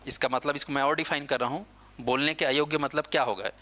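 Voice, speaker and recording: A man's voice: mid-range voice, steady tone, fast, pushed and bright. A male teacher giving a lecture, asking his class questions and answering them himself, with English words mixed in. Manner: asks questions and answers them himself, repeats key points.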